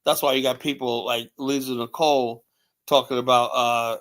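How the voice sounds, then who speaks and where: Here a man hosts a stream of heated political talk in a mid-range, level, slightly bright voice. He's blunt and repetitive, keeps saying "you know" to fill pauses, and mocks others by quoting them in put-on voices.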